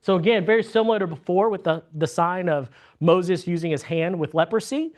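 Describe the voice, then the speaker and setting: Expressive and fairly quick, a Bible class teacher from the States delivers a conversational lesson in a mid-range voice. The teacher checks in with the class through many tag questions and restarts sentences, repeating words along the way.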